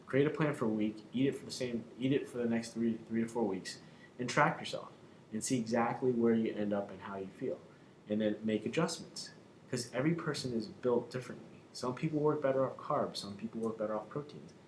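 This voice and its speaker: A man's voice: mid-range voice, brisk, a little mellow. A man giving an informal instructional talk as a fitness coach, explaining in a hesitant, repetitive way. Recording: roomy echo, faint background noise.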